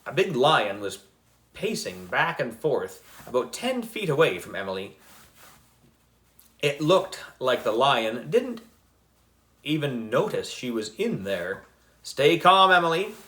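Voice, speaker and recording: A man reading a children's chapter book aloud, unhurried, giving quick voices to the characters and dropping in asides. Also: medium pitch, fairly bright tone. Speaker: audiobook reader.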